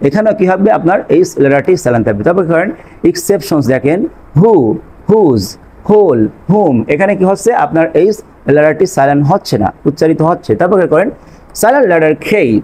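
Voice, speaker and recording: A high-pitched man gives a spoken English lesson. He goes over each point slowly and repeats it, often asking a question and then answering it himself. His tone stays patient and steady. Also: rough recording. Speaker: English teacher.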